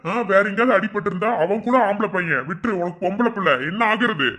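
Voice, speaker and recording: A man's voice: high voice, fast talker, pushed and bright. Man doing grumbling Madurai cartoon brother. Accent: Madurai Tamil. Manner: grumbling, scolding then soothing. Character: young village brother and husband, grumbling but caring. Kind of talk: animated family cartoon dubbing.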